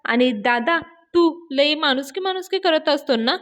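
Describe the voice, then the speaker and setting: Flustered young husband guy, hurried and placating, high voice as a lady reviewer puts him on. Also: lively intonation, a bit bright. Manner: hurried, placating, pitch raised above her narration.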